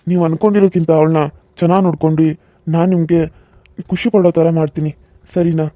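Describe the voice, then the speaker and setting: A man's voice: fairly high pitch, fairly even intonation, quick pace, no echo, natural voice. A man voicing a kind young husband in a cartoon serial, speaking earnestly. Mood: reassuring. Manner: earnest, gently persuasive.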